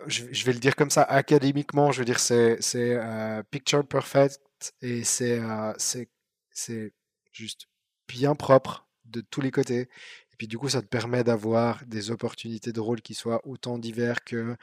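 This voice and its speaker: A man's voice: medium pitch, level tone, normal speed, no room sound. Rambling male interviewer, dry sound. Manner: rambling, stumbling questions. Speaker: interviewer, podcast host. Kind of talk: casual interview chat.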